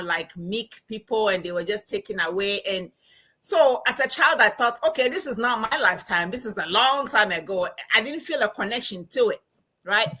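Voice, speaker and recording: A woman with a Ghanaian accent talks as a podcast guest over a remote line. Her voice sits slightly high and rings bright and forceful. She tells stories with animated emphasis. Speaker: guest, anthropology professor and financial coach. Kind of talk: casual podcast interview.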